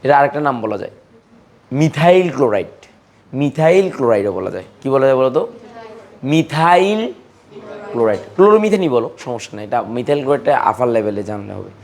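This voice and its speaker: Fast-talking chemistry teacher drilling students. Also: male voice, medium pitch, big pitch swings, a little mellow. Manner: repetitive, drilling students with questions; playful scolding of students. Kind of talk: classroom lecture.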